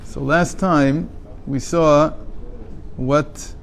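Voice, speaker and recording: A man with a somewhat high voice leads a daily text class. He reads passages, translates them, and explains them in a measured way. He often asks questions and then answers them himself. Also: fairly even intonation, creaky, a little hiss or hum. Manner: explanatory, poses rhetorical questions. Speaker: teacher.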